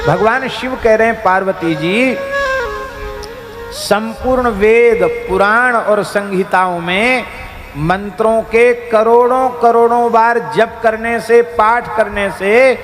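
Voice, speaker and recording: A man giving a devotional sermon, with an emphatic rising and falling delivery and slow chanted verses. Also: sits high. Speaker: spiritual preacher. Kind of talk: devotional discourse. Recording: reverberant hall with soft music.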